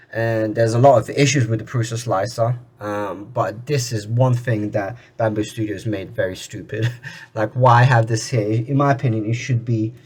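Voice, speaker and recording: A man's voice: on the low side, a little mellow. A man giving a casual screen-recorded tutorial, chatty with frequent restarts and some exasperated asides. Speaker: 3D printing tutorial creator.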